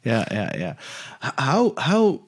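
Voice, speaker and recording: European man hosting a podcast, halting speech. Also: medium pitch, wildly swooping pitch, breathy edge. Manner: halting, restarts and hesitant phrasing. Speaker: podcast host. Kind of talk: casual interview chat.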